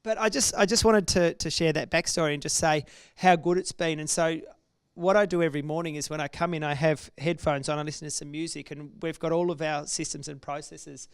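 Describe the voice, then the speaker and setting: A man's voice: on the high side, steady tone, fairly quick, smooth, dry recording, clean studio sound. A man, a business owner telling candid stories to an audience with many restarts. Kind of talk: casual talk to an audience.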